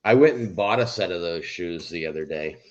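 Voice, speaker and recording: Deep-voiced man in casual chat. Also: lively intonation, a little fast, dull audio, crowd noise. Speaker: livestream host.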